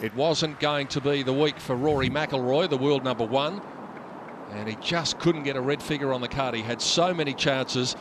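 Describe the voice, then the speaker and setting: A man working as a golf commentator, narrating tournament highlights. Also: normal speed. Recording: crowd and outdoor noise behind. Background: loud golf crowd and outdoor ambience.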